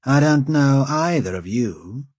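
A man's voice: medium pitch, expressive, slow pace, a little mellow, no echo, voice pushed up. A man voicing a haughty noble lord who rides nude and hunts in the swamps, pompous and mocking.

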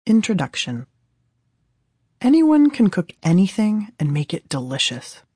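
This woman, an American in her thirties from Southern California, narrates her own book in a dry studio for a scripted audiobook. Her mid-range voice is warm and a touch rough, with big pitch swings, a measured pace, and no room sound.

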